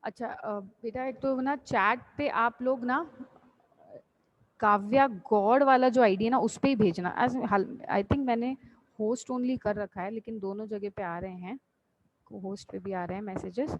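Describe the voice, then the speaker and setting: A woman's voice: on the high side, unhurried. Patient woman lecturing over an online call. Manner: patient, repeats points simply, calls students "beta". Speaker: college lecturer. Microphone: computer mic on video call. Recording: dull lo-fi online call audio.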